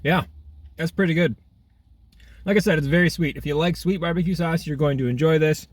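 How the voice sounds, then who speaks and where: A slightly high-voiced man chatting through a casual food review vlog while he eats. He talks with his mouth full and breaks into eager exclamations. He is filming himself outdoors in half sun, half shade. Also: brisk. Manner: chatty, eating while talking, frequent exclamations. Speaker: food vlogger.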